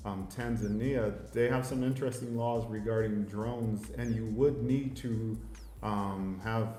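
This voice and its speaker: Mellow-voiced father hosting a roomy chat. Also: lowish voice, steady tone. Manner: measured, halting with frequent ums. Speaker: host and father. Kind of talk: casual livestream chat. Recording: roomy echo, faint noise.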